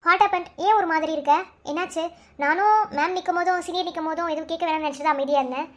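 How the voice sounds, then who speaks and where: Woman doing a high, fast bossy college girl. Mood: teasing. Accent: Madurai Tamil. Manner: scolding, teasing, quick banter. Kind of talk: cartoon voice acting.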